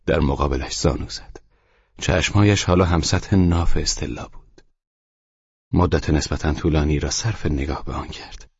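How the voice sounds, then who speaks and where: Calm male narrator for a novel, husky and very deep, close and dry. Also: no echo. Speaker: audiobook narrator. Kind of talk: scripted narration. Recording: dull, dry studio read.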